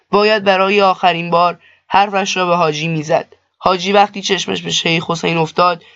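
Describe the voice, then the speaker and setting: A man narrating a story in a steady, measured reading. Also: sits high, vocal fry, no echo. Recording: dull lo-fi dry recording.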